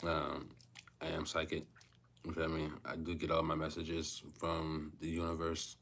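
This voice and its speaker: A man's voice: a bass voice, completely flat delivery, a little slow, vocal fry, a bit bright. A man in his thirties talking casually to viewers on a livestream, rambling and repeating himself, often asking if they feel him. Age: 30s. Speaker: vlogger.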